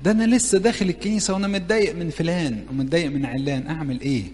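Egyptian male preacher, fairly high voice, chatty sermon that quizzes young listeners, long hall reverb. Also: racing, a little mellow. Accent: Egyptian Arabic. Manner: conversational, playful, keeps asking the audience questions. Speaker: church preacher teaching youth. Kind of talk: interactive sermon.

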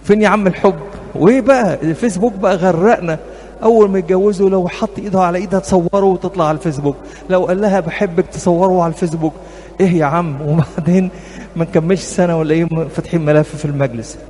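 A man's voice: high-pitched, fairly even intonation, racing, a little mellow. A middle-aged man with an Egyptian accent giving a talk to couples at church as a marriage counselor, humorous and anecdotal, speaking straight to his audience. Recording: reverberant hall, faint background noise.

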